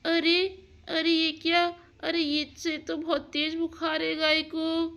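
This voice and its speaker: A woman voicing a gentle young woman doctor in a doll story, reassuring and soft-spoken. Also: a little high, little pitch movement, a little slow, clean tone.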